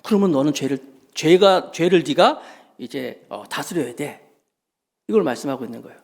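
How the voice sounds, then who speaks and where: A middle-aged male pastor preaching a sermon emphatically, swinging between loud exclamations and hushed remarks. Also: fairly high pitch, animated, moderate pace, vocal fry. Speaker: senior pastor.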